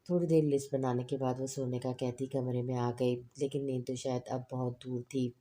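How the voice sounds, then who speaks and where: A woman narrating a romance novel in a steady, unhurried storybook reading. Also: rumbling low.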